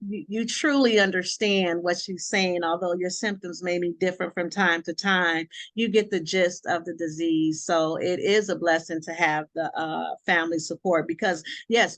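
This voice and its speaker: A woman's voice: on the low side, fairly bright tone, dry recording. A woman hosting a casual webinar interview, supportive and chatty with many fillers and restarts, on a video call. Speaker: webinar host, sorority member.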